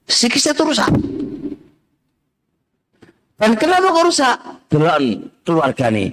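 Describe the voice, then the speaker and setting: A man's voice: very high-pitched, wildly swooping pitch, a little fast, a bit bright. A middle-aged man with an East Javanese accent giving a religious study lecture, mixing in Javanese phrases and addressing listeners directly. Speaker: Islamic religious teacher.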